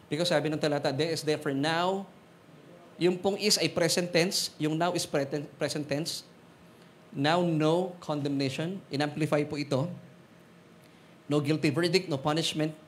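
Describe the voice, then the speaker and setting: A man with a Filipino accent preaching a sermon, mixing Tagalog and English, joking with the congregation and slowing down on Bible verses. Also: fairly high pitch, slight background noise. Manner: switches between Tagalog and English, jokes with congregation; slows to stress Bible verses. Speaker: pastor. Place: church hall.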